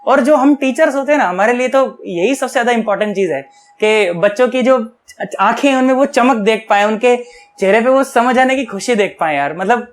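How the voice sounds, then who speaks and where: A man's voice: very high-pitched, brisk. A male physics teacher giving an online video lecture, chatty and coaxing, often checking that students follow, earnest and affectionate toward them.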